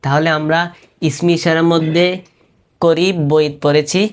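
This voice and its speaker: Speaking in a low, even voice, a woman teaching Urdu to beginners goes through terms one at a time, saying each slowly more than once and pausing often to ask if everyone understands.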